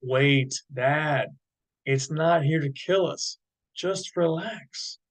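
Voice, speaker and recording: A man reading a calm, eager superpowered son. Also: a little high, very slow. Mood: reassuring. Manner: reassuring, coaxing.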